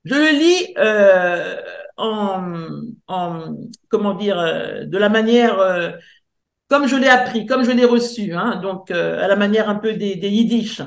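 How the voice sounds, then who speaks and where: A woman researcher giving a lecture presentation, pausing often to search for words and spelling out sounds slowly and carefully. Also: medium pitch, animated, roomy sound. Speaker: researcher and theologian presenting a decoding.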